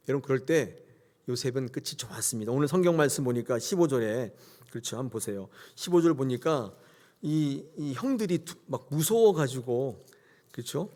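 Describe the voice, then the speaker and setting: Male pastor, Sunday sermon; emphatic, animated delivery, acts out quotes, leads repetition. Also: mid-range voice. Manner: emphatic preaching, leads congregation in call-and-repeat; acts out biblical characters in quoted voices.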